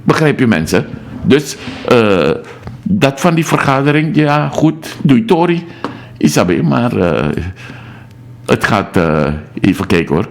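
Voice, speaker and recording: Animated Surinamese Dutch male radio host. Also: mid-range voice, measured pace, gravelly. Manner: emphatic, rising and falling sharply, reading listener messages. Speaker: talk show host. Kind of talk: political call-in radio talk.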